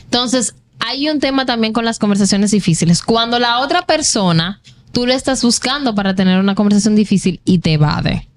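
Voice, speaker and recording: A woman's voice: fairly high pitch, a little fast. A woman co-hosting a podcast, talking earnestly in casual chat and addressing the listeners directly. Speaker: podcast co-host.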